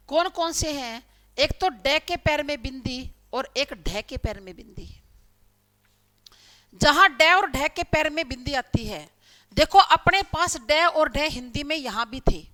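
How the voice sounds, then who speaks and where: A woman's voice: high voice, bright, forceful tone. A woman teacher giving a classroom lecture, explaining step by step and answering her own questions.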